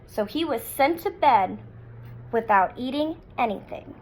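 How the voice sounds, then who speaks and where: A woman in her thirties reading a children's picture book aloud in a deliberate, expressive storytelling manner. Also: fairly high pitch, a little hiss or hum, poor audio.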